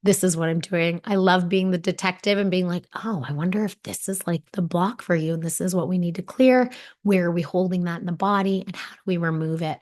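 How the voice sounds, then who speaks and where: A woman in her thirties, a fertility coach, giving an earnest, encouraging webinar pitch with many fillers. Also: steady tone, brisk, a little mellow.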